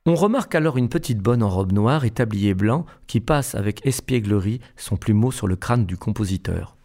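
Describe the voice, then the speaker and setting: A man narrating a children's storybook in an expressive, animated way. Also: fairly low pitch, moderate pace, faint music behind.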